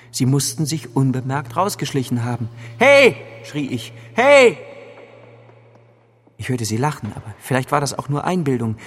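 Brief: male audiobook narrator, mid-pitched, tense dramatic delivery, long reverb tail, faint music bed. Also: slight background noise. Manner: tense, dramatic reading with sudden loud outbursts in quoted cries. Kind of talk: scripted first-person narration.

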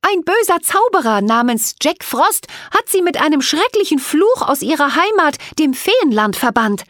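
A woman's voice: high-pitched, very animated, normal speed, a bit bright, no room sound, studio quality, pitched above the performer's own voice. A woman voicing a polite, brave young girl who speaks earnestly.

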